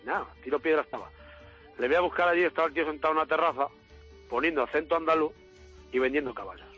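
A man calling a radio show, telling an animated story and acting out the dialogue. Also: a little high, racing, husky, lo-fi sound, soft background music. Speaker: caller. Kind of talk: telling an anecdote on a call-in show.

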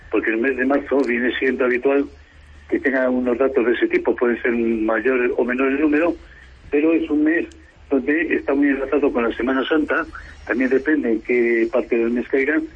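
Husky man over a muffled phone line. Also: mid-range voice. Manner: measured, explanatory. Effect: heard over a muffled phone line. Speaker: union official. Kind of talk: phone-in radio interview.

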